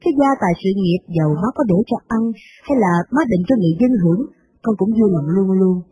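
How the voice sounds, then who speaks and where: A woman voicing a humble but resentful young adult son, with a measured, formal delivery. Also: medium pitch, lively intonation, warm tone, breathy edge, rough recording. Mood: aggrieved, humble. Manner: measured, formal letter reading.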